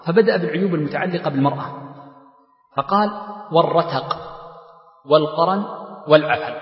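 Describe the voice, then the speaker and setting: Fast-talking sheikh in an echoey hall. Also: male voice, on the high side. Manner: explanatory, repeats key terms, reads out the text and then comments. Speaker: sheikh teaching Islamic jurisprudence. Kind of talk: classroom explanation of a legal text. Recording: echoey lecture hall, dull lo-fi sound.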